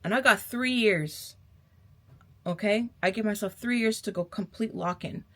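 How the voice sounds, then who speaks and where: A woman's voice: medium pitch, normal speed, fairly bright tone. A young woman talks straight to her viewers in a casual motivational pep talk, her voice in a middle range. She is sassy and emphatic, hammering points home by repeating them and tossing in a pet name like babe. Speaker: vlogger giving a pep talk.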